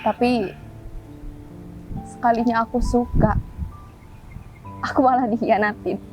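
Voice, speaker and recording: A woman's voice: on the high side, fairly even intonation, unhurried, a little mellow, faint music behind, close to an everyday voice, poor audio. A woman playing a hurt young woman who feels betrayed, speaking bitterly in a web drama. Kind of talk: low-budget web drama acting.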